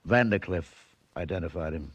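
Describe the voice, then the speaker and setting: Sarcastic gruff american cop in old radio drama, lowish voice, clipped tough talk. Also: male voice, moderate pace, no room sound, muffled recording. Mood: brusque explaining. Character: gruff sardonic male New York police detective. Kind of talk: 1940s radio drama acting.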